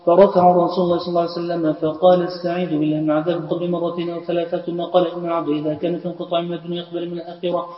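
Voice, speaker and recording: Male student reader, rapid flat recitation of old texts, distant roomy lo-fi recording. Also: a little high. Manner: flat, hurried reading of narrator chains. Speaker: student reading the text aloud. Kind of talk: rapid recitation of classical hadith text. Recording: distant, echoey hall, dull lo-fi sound.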